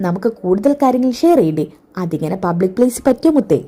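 A woman playing a smarmy rich cad in a retold serial, coaxing and sweet-talking. The voice is mellow and quick. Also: mid-range voice, big pitch swings.

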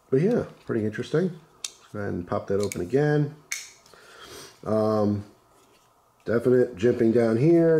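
A man with a hoarse, congested voice from the flu, casually reviewing gear in a laid-back, chatty way. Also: lowish voice, mellow. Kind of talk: casual unscripted product commentary. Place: indoors at a wooden table.

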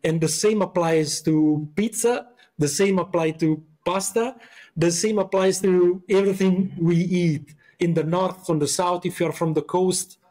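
A man's voice: high-pitched, fairly even intonation, a little slow, mellow. A man from Italy with an Italian accent, a podcast guest chatting casually and searching for words with many fillers.

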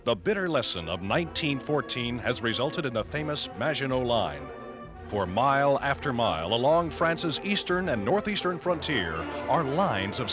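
Dramatic old newsreel man narrator. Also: medium pitch. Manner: dramatic, emphatic announcer delivery. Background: music score.

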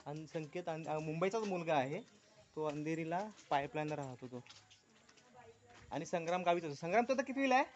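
A man's voice: fairly high pitch, lively intonation, a little fast, highs cut off. A man from the Konkan region narrating a casual walking tour as a vlogger, upbeat and full of praise for what he films. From Konkan, India. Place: village outdoors in rain.

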